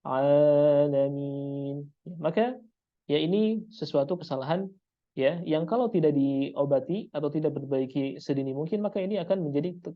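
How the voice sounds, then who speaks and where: A man teaching Quran recitation, drilling Arabic letter sounds slowly and dropping a filler "ya" between phrases. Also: on the high side. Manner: peppers sentences with a filler "ya". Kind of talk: online lesson on Arabic letter pronunciation. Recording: dull lo-fi recording.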